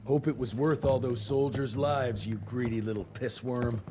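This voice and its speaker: A man's voice: medium pitch, fairly even intonation, moderate pace, lightly acted. A man playing a blunt vampire hunter. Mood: cold. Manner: blunt, curt. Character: gruff male vampire hunter. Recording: game cutscene with music.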